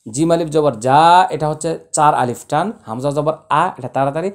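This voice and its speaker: A man teaching Quran recitation, spelling out letters slowly and then chanting the words in long, drawn-out tones. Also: a little high. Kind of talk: tajweed lesson.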